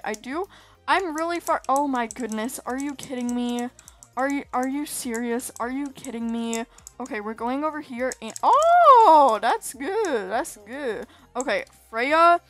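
A woman's voice: on the high side, moderate pace, fairly bright tone. A woman giving chatty gameplay commentary, often exasperated and exclaiming as she plays. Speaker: gaming YouTuber.

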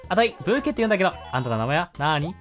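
A man squeaking as a peppy girl villager. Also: sing-song, racing, a bit bright, faint music behind. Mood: bubbly. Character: peppy young female animal villager.

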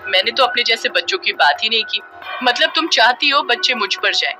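A woman's voice: a little high, lively intonation, a little fast, over music, close to an everyday voice. Woman playing a teasing young man.

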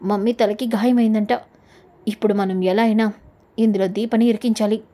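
A woman's voice: mid-range voice, steady tone, normal speed, dark tone, voice pushed down, natural voice. A woman reading the lines of a scheming young woman plotting against a rival in a retold TV serial. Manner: plotting, menacing.

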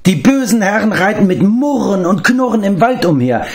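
A man's voice: high-pitched, very animated, normal speed, voice pushed up. A man reading an audiobook, voicing a servile, self-pitying male beast-man who whines and speaks of himself in the third person. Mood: whining.

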